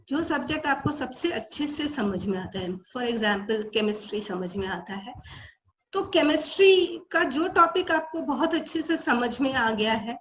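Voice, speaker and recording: Older woman from India, high voice, unhurried, webinar lecture, faint background noise. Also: a bit bright, low-quality recording. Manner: slow, explanatory, switches between Hindi and English. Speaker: webinar speaker. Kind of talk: lecture in Hindi mixed with English.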